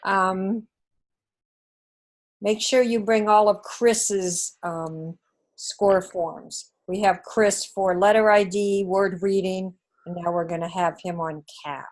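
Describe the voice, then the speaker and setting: This teacher's mid-range voice is steady and darkish, with a New Zealand accent. Teaching online, she talks through the test scoring methodically and at a slow pace, taking each step in order.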